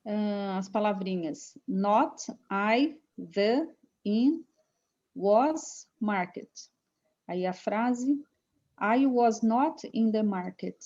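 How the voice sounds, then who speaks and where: Female Brazilian student, warm mellow tone, slow, lo-fi call sound. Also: mid-range voice, expressive. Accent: Brazilian Portuguese. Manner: reads answers out carefully.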